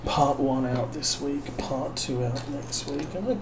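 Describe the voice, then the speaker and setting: A tired vlogger who can't sleep rambles wryly at home late at night, mocking himself as he builds a kit on camera. His voice sits at a medium pitch and moves a little slowly, trailing off into fillers. The home recording is noisy.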